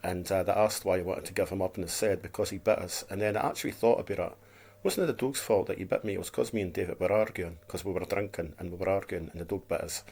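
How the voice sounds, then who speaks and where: A man's voice: sits low, quick pace, gravelly, darkish tone. A man in his fifties with a Dundee Scottish accent and a speech impediment that turns r into w, chatting casually and plainly in a rambling, repetitive way as a vlogger. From Scotland. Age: 50s.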